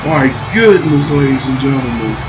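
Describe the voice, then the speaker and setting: A man doing play-by-play wrestling commentary on a video game match, with exclamatory, drawn-out calls. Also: mid-range voice, expressive, rough recording. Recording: music and crowd noise behind. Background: game crowd and music.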